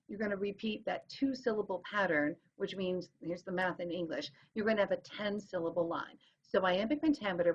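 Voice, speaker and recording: A woman's voice: mid-range voice, breathy edge. A woman teacher explaining things in a recorded lesson, sounding out rhythms as she goes. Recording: dull lo-fi recording.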